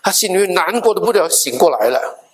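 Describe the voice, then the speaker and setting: A middle-aged male pastor telling a story in a sermon, animated and acting out the dialogue, with English words mixed in. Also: sits high, fast talker. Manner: animated, acts out dialogue in different voices.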